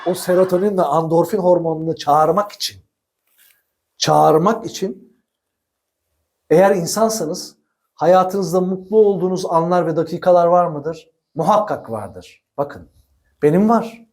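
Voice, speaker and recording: This is a man with a notably high voice, giving an instructional billiards talk to camera. He is animated and chatty, laughs easily as he explains, and keeps turning to the viewers as if they were friends gathered at his practice table. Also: a little slow, pauses often. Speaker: billiards coach.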